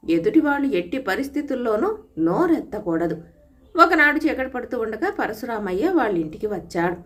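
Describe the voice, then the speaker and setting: Woman storyteller, steady and even, reading a folk tale as an audiobook. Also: medium pitch. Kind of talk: scripted narration of a moral folk tale.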